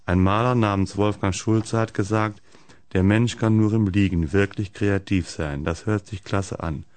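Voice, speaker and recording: A man hosting a radio show, reading humorous texts aloud in a deadpan way into a studio microphone. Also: on the low side, measured pace, dry recording. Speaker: radio host.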